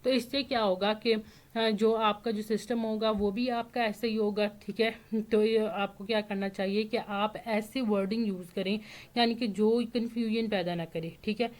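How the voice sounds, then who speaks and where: A woman's voice: medium pitch, fairly even intonation, moderate pace. A woman from Pakistan, giving a casual spoken lecture as an online tutor and often checking in with "theek hai". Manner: explains with frequent fillers and "theek hai" check-ins.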